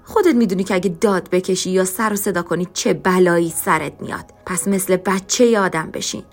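A woman voicing a stern, angry middle-aged father who shouts and scolds, in an audiobook story. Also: fairly low pitch, faint music behind. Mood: menacing.

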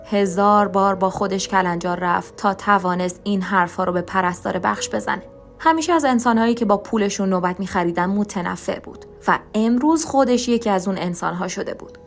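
A woman narrates a story in a calm, measured, scripted reading. Her voice sits at an ordinary middle pitch. A faint music bed plays quietly behind her. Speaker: podcast narrator.

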